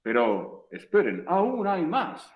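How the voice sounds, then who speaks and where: A man's voice: fairly high pitch, huge pitch swings, slow pace, dull audio. A man teaching an English class, patiently repeating the rules step by step. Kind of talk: recorded virtual class explanation.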